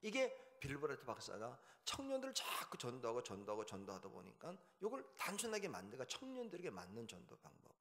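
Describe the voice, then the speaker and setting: A man preaching at a revival service, humorous and anecdotal, animated as he talks. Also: mid-range voice, a little fast, hardly any pauses, in a large hall. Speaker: pastor. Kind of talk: revival sermon. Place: church sanctuary.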